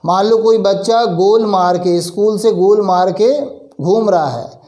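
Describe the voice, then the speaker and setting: A man teaching a spoken English lesson for Hindi-medium learners, explaining patiently, asking the class questions and answering them himself, and reading English phrases out slowly and deliberately. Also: high-pitched, dark tone, echoey room.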